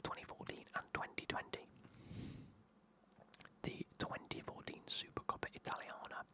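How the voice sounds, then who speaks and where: A British person in their twenties whispering an ASMR unboxing in a soft, excited, chatty way, reading aloud. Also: low-quality recording. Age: 20s. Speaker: ASMR video host.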